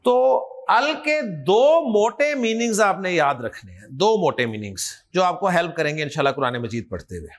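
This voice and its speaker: A man's voice: high-pitched, big pitch swings, normal speed, few pauses. A male Quran grammar teacher with an Urdu accent, giving a classroom lecture and quizzing his students back and forth. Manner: quizzing, call-and-response, coaxing students.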